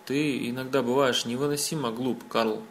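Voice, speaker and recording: A man's voice: mid-range voice, steady tone, normal speed, a little hiss or hum, natural voice. A man reading a story, voicing a protective mother who fusses over her son. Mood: cold, sharp. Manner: tender, anxious, then sharp. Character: protective fussing young mother.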